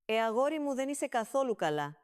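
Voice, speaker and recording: A woman's voice: fairly high pitch, sing-song, clean tone, pitched above the performer's own voice. A woman voicing a fussy, bossy mother who scolds and calls everyone "my love". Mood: scolding. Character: fussing, bossy mother Despina.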